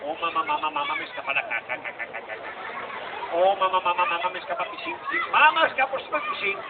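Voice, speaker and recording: A man voicing a cheeky, cowardly, silly puppet clown in a squeaky, shrill voice at a children's show. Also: lively intonation, fast. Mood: whining panic. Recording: tinny, noisy, distant outdoor crowd recording.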